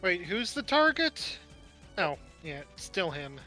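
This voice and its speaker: A man chiming in during a tabletop game, pausing on fillers as he thinks things through. His tone is bright, with faint music beneath. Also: high voice, big pitch swings. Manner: hesitant, fillers, thoughtful. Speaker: player.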